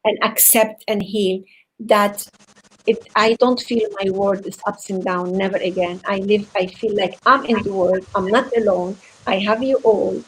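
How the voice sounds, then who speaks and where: A woman from Venezuela who works as a psychotherapist, giving a heartfelt motivational talk over a video call in an earnest, halting way, often repeating words as she searches for phrasing. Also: medium pitch, steady tone, slight background noise, poor audio. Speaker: psychotherapist, guest speaker.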